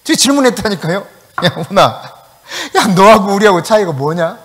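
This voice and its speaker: A male pastor preaching a sermon, telling a story with acted-out dialogue and sudden shouted commands. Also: high-pitched, animated, moderate pace, big-room sound. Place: church sanctuary.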